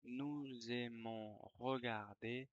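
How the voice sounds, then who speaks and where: A teacher dictating slowly to language learners, word by word, repeating phrases and calling out punctuation. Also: mid-range voice, steady tone, no echo, narrow, tinny audio. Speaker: French teacher.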